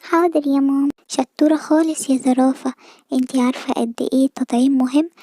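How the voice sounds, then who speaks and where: A woman voicing a kind, reassuring female animal doctor with an Egyptian Arabic accent, speaking in a gentle, encouraging way. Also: high voice, fairly even intonation, quick pace, dry recording, natural voice.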